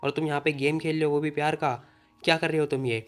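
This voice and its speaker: A man reading the lines of a hot-tempered young man in a blunt, slightly slowed delivery. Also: on the high side, level tone, fairly bright tone, clear, resonant tone, natural voice.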